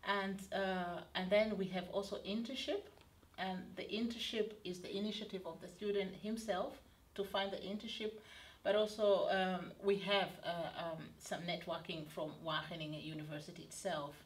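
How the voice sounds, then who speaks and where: A middle-aged woman from Tanzania, a study advisor, explaining a study programme in an interview with frequent pauses and fillers. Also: mid-range voice, fairly even intonation. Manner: hesitant, many fillers and restarts. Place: studio set, indoors.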